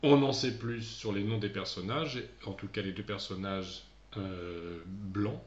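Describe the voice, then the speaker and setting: Male teacher, recorded video lesson, talks straight to his pupils, slow careful reading, muffled echoey room sound. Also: on the low side. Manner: reads English passages slowly and clearly, then explains in relaxed French; speaks directly to pupils, often trailing off softly. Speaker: English teacher.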